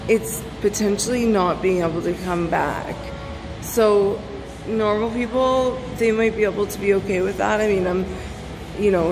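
A woman's voice: medium pitch, vocal fry. A woman in her thirties chatting casually to a handheld phone at an indoor pool. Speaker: vlogger. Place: large echoey indoor hotel pool. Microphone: handheld phone at arm's length. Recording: echoey pool hall, loud ambient noise. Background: background music and pool ambience.

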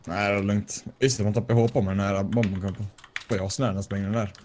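A man's voice: lowish voice, steady tone, darkish tone, a little hiss or hum. A man chatting with friends during a game, stammering and swearing casually. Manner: stammering restarts, quick swearing. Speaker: gaming friend. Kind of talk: casual gaming chat.

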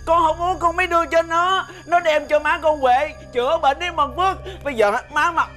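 A naive young husband in a TV drama. He pleads insistently in a very high, bright voice. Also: fairly even intonation, fairly quick, faint music behind. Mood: pleading.

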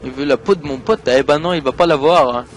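A man giving let's play commentary while playing a game, excitable, swinging from mumbled asides to loud outbursts. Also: fairly high pitch, a little fast, faint music behind. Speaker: gaming YouTuber.

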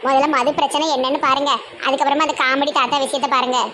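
A man voicing a shrill, excitable village woman who talks in exclamations, with a Tirunelveli Tamil accent, in a comedy sketch. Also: fast talker, a little hiss or hum. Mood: shocked.

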